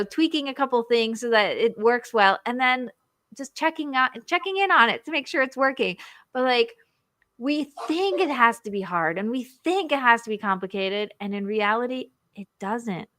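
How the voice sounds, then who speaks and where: Bright, animated woman hosting a chat. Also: fairly high pitch, normal speed, dry recording, clean studio sound. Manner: animated, acts out inner voices. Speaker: show host, marriage coach. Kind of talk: casual live interview chat.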